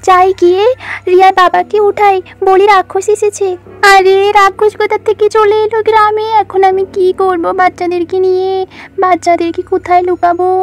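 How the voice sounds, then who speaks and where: A woman playing a frightened young village mother in a homemade doll story, her voice pitched extremely high. She frets and calls out in a frantic rush, wondering where to hide her children. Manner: frantic, fretful calling out. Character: panicky young village mother, sister-in-law. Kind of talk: home doll-play story acting.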